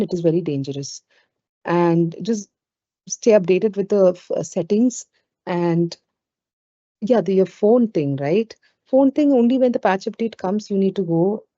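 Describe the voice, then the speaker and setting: Mellow low-voiced Indian-accented woman. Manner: conversational, with frequent "you know" asides. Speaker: webinar trainer. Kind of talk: informal live webinar talk with audience questions. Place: indoors on an online webinar call. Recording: roomy, dull lo-fi webinar audio.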